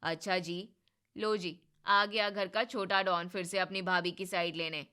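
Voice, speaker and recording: A grumpy, teasing young husband from a storybook drama, played by a woman dropping her voice low. He scolds fast and sulks in mock defeat. The tone stays bright and sharp. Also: steady tone, clean tone. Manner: mock-sulky, low put-on voice.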